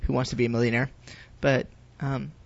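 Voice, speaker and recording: A man's voice: medium pitch, little pitch movement, fairly quick, gravelly. A man co-hosting a podcast, chatting with dry, wry humor. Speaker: podcast co-host. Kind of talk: casual chat. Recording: dull lo-fi podcast audio.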